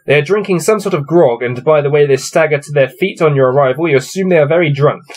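A young man in his twenties reads a fantasy gamebook aloud at his desk, his voice on the high side, fast, and a little mellow, with soft music in the background. He chats casually through his dice rolls with amused laughs in a small, cluttered indoor room lined with shelves.

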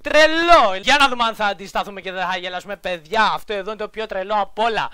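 Man, reaction host at home, very high voice, swears nonstop, disbelieving exclamations. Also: pushed and bright, smooth, no room sound. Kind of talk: casual reaction commentary.

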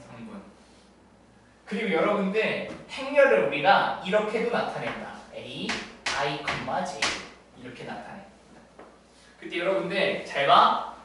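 A male math teacher giving a classroom lecture, often stopping to check in with students through quick tag questions. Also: fairly high pitch. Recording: echoey room, distant mic, faint noise.

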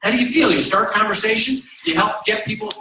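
A middle-aged man gives an emphatic motivational speech from a stage, hammering home a slogan. His voice is high and bright and carries some force. It is heard from a distance in a large, echoey hall. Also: sing-song, quick pace, a little hiss or hum. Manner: emphatic, repeats a slogan, tells stories with quoted voices. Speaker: company executive addressing coaches.

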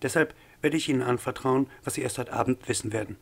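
A man voicing a smug, patronizing male company official with a husky voice. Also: mid-range voice, fast talker, natural voice.

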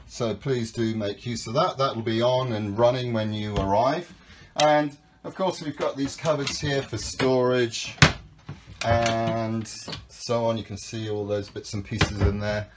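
Heavy background noise surrounds this handheld phone recording of a medium-pitched man in his fifties, a sailing school skipper. He casually walks through a small yacht, deck then cabin, explaining every step in a friendly, down-to-earth way.

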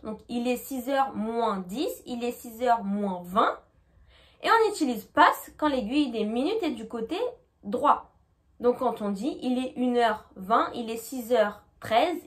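A woman teaching a lesson, patient and clear, slowly modeling English pronunciation. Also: sits high, fairly bright tone. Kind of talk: explanatory lesson.

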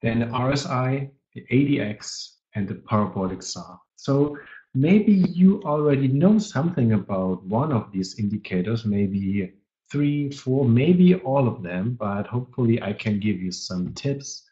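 A man who is not a native English speaker presents a live trading webinar, talking haltingly and searching for words while he has a cold. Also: mid-range voice, lively intonation, dark tone. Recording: dull lo-fi webinar audio.

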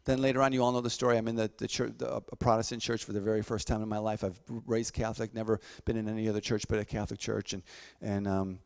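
A man's voice: lowish voice, little pitch movement, fast talker, creaky, hardly any pauses, a little mellow, clean tone. A man preaching a sermon as pastor, telling a personal testimony and acting out the voices of people in his story. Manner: storytelling, acts out voices, repeats words.

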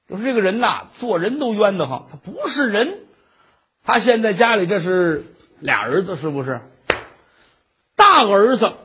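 Storyteller man plays a venomous gossiping scholar, high husky voice. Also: fairly bright tone, full character voice. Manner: venomous, exaggerated ranting. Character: spiteful gossiping male scholar.

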